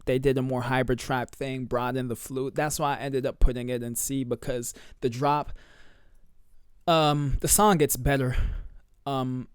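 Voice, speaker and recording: A man's voice: mid-range voice, steady tone, measured pace, clear, resonant tone. A young man giving casual, slangy commentary as he ranks tracks, with lots of fillers and trailing sentences. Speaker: music reviewer.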